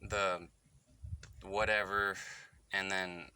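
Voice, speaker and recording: A man's voice: low-pitched, flat delivery, pushed and bright, smooth. A man in his thirties telling a candid personal story to his phone, rambling and correcting himself as he goes. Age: 30s. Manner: rambling, halting and self-correcting. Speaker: vlogger. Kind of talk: candid personal confession to camera.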